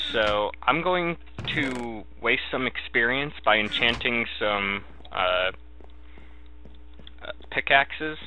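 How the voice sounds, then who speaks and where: A man giving casual, halting game commentary, thinking aloud as he plays. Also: lowish voice. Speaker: gamer narrating a let's play. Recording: thin, narrow phone-like sound.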